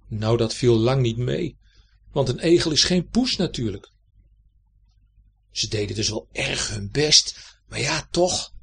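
A man reading a children's story aloud in a gentle, playful storytelling manner. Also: mid-range voice, slightly rough.

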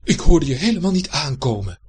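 A man voicing a grumpy, noisy male hedgehog in a children's story, in a loud, grumbling way. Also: high voice, huge pitch swings, brisk, slightly rough, voice pushed up, exaggerated voice. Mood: startled grumbling.

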